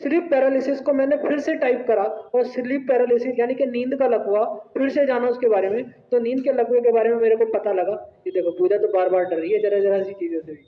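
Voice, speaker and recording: A male teacher telling a personal story to his class in an animated, conversational way. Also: extremely high pitch, brisk, hardly any pauses. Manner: animated, conversational, asks "right?". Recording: echoey hall, tinny phone-like sound.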